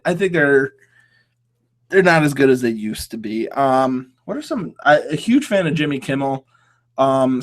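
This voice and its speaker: A man talks on his own podcast in an easy, casual way. He rambles and hesitates, trailing off and restarting his sentences often. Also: medium pitch. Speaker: podcast host. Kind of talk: casual solo podcast chat.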